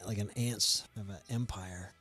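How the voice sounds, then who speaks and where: A man hosting a live stream, chatting casually with playful, drawn-out hype calls. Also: lowish voice, fairly even intonation, sharp tone, breathy edge. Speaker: show host.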